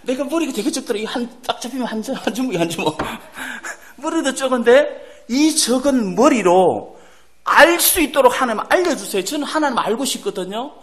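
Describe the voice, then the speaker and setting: Middle-aged male missionary preacher, high and lively voice, folksy sermon delivery. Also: normal speed. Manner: animated, folksy storytelling with acted prayers and laughs. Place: church sanctuary.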